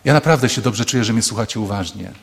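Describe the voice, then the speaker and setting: A male priest preaching a humorous sermon to students, telling lively stories and acting out the voices of the people in them. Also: on the low side, fast, creaky. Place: large hall with an audience. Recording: long hall reverb.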